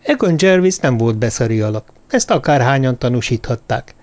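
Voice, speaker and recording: A man reading a thriller novel aloud as an audiobook narrator, calm and measured. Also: mid-range voice, soft background music. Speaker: audiobook reader. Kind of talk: scripted narration.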